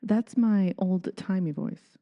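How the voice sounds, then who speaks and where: A woman's voice: mid-range voice, slow pace, creaky, long reverb tail, muffled recording. A woman hosting a casual solo podcast, chatting and thinking aloud as she reads passages from a book. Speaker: podcast host.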